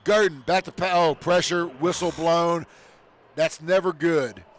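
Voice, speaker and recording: Excitable football announcer, high voice. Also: male voice, a little slow. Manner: excitable, shouts on big plays. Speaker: play-by-play announcer. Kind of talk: high school football commentary.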